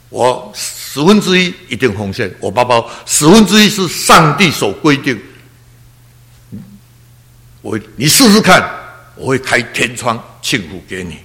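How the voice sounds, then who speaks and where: A man's voice: medium pitch, fairly bright tone. Old pastor around 80, telling his testimony, earnest, gets emotional. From Taiwan. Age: about 80. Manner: earnest storytelling, emotional swings. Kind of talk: personal testimony.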